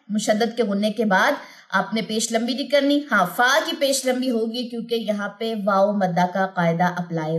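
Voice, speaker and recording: Teaching Quran recitation, this fairly high-pitched woman speaks with a Pakistani Urdu accent. She walks through every sound step by step before chanting the verses in a long, drawn-out melody as part of her tajweed lesson.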